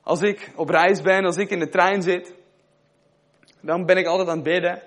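A man's voice: sits high, steady tone, normal speed. A young man giving a sermon in a conversational way, asking his listeners questions and telling a personal story. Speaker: preacher.

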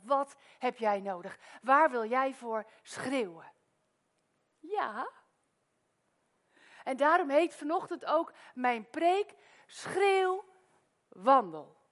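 A middle-aged woman from the Netherlands preaching a sermon in a church, telling stories with loud exclamations and wearing a microphone. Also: high-pitched. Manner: lively storytelling, loud exclamations, soft-spoken prayer. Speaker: guest preacher.

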